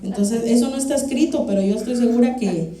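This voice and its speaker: A young woman, preaching a sermon in a lively, humorous, storytelling way in a church hall. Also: on the high side, fast. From Guatemala. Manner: animated, humorous, acts out shouts. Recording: echoey church hall from far off.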